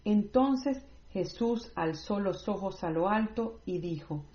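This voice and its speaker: A woman reading scripture aloud in a measured, scripted way, with no commentary. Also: medium pitch, animated, mellow. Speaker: Bible reader. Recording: roomy, slightly dull recording.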